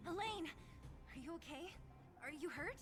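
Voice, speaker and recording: A woman voicing a brisk young woman leading a rescue in a video game, firm and dry. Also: very high voice, lively intonation. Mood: urgent. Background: game music.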